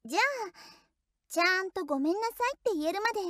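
A woman's voice: very high voice, expressive, quick pace, a bit bright, no room sound, clean studio sound. A woman voicing a teasing, playfully cruel young female shrine maiden in an audio role-play drama, speaking politely in a sing-song tone.

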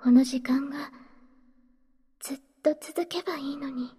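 A woman playing a gentle, devoted maid who soothes her master with formal politeness in a soft, breathy ASMR role-play. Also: high voice, moderate pace, dry recording, studio quality, natural voice. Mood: tender, soothing.

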